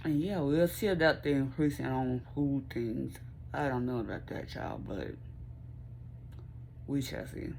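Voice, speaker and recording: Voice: medium pitch, a little slow, gravelly, long pauses, darkish tone, a little hiss or hum, low-quality recording. An American vlogger chatting casually and expressively to viewers with folksy phrasing, mouth movement limited by a sore jaw after surgery. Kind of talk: casual chatty recovery vlog.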